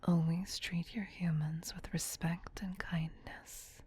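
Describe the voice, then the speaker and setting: A woman voicing a doting, possessive vampire queen in a breathy whisper, coaxing slowly and tenderly for an ASMR roleplay. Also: on the low side, level tone, darkish tone, heavily acted. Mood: tender, soothing. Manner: slow, tender, coaxing endearments. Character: doting, possessive vampire queen soothing her human pet.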